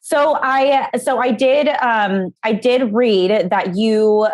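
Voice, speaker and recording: A young woman co-hosting an interview, upbeat and halting, with many fillers. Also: on the high side, a little mellow. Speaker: podcast co-host, interviewer. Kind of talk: casual interview talk.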